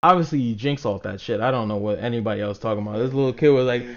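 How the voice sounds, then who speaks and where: Talking fast in a mid-range voice, this livestream host chats informally and profanely with his viewers, acting out reactions as he rambles. His mic gives a dull, lo-fi sound.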